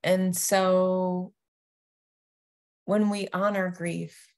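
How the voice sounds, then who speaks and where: A woman who teaches yoga nidra guides a meditation extremely slowly, in a level tone. Her voice is slightly low with a clear creak, and she leaves long pauses between her short, gently and deliberately phrased lines.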